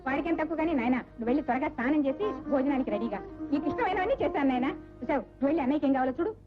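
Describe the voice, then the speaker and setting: Bossy sharp-tongued mother-in-law. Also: high voice, lively intonation, rapid-fire. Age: middle-aged. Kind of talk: Telugu film dialogue. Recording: dull old film soundtrack with music.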